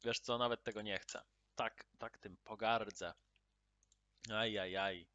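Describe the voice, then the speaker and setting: A man with a lowish voice gives unhurried, casual gameplay commentary. He booms his greetings, drops to quiet muttering while he plays, and bursts into excited cries. The recording is dull, lo-fi and dry. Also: dry recording. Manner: loud upbeat greetings, then mutters quietly while playing; excited exclamations at in-game drops. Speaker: gaming channel host.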